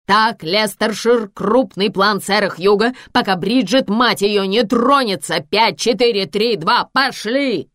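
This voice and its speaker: A woman reading an audiobook voices an impatient male TV producer who shouts orders. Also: mid-range voice, brisk, no echo, clean studio sound, lightly acted. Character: harried male TV news producer, bossy.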